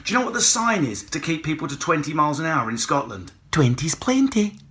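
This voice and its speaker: A man from Essex with an Essex accent, a comedian on an escalating rant, excitable, sweary and mocking, breaking into put-on voices. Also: on the high side, fast, slight background noise. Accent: Essex English. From Essex, England. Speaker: stand-up comedian, host.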